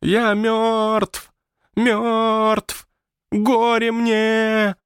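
A man's voice: high voice, monotone, extremely slow, a bit bright, clear, resonant tone, no echo, studio quality, voice pushed up, heavily acted. A man doing a wailing, theatrical ghost. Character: newly dead male ghost, sulky and dramatic.

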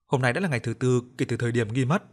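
A man narrating a story in an audiobook, with expressive storytelling. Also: mid-range voice, very fast. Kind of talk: scripted narration.

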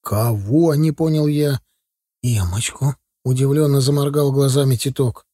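A man narrating an audiobook in the first person with wry, lively storytelling. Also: mid-range voice, a little fast, dry recording, clean studio sound.

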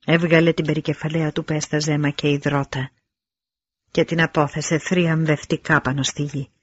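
A man narrating an audiobook in a measured, deliberate reading with dramatic pauses. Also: fairly high pitch, flat delivery, husky, no room sound, highs cut off.

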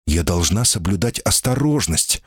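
A man's voice: low-pitched, animated, normal speed, slightly rough, no echo, clean studio sound. A man voicing a timid, guarded female golem in human shape, anxious and pleading, in an audiobook reading. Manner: anxious, pleading, often cries out.

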